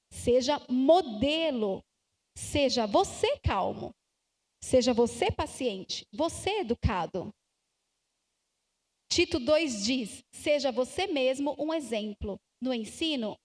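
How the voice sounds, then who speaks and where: High-voiced Brazilian woman in a reverberant church hall. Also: darkish tone. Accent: Brazilian Portuguese. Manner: slow emphatic advice with acted-out dialogues. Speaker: conference speaker. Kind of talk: church family conference talk.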